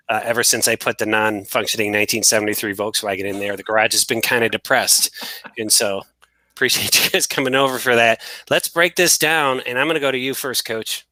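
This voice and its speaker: A man's voice: medium pitch, fairly even intonation, a little fast, pushed and bright, no echo. A man hosting a casual sports talk show, joking and rambling with frequent restarts. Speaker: podcast host.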